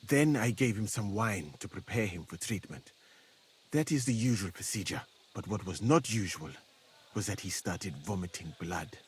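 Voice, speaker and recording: A man voicing a calm, learned foreign physician in a game, speaking in a formal, measured and dryly ironic way. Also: lowish voice, slight background noise, natural voice.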